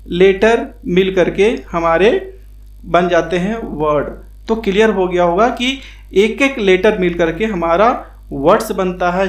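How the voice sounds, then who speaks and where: Male tutor for a beginners' lesson; patient and repetitive, asks questions and answers them; roomy echo. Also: high-pitched. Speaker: English grammar teacher. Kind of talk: explanatory classroom lesson. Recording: echoey room.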